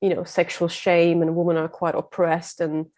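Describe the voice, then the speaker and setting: A woman's voice: fairly low pitch, level tone, moderate pace, darkish tone. A woman from Turkey, a guest coach, speaking earnestly and reflectively in a casual conversation with many fillers.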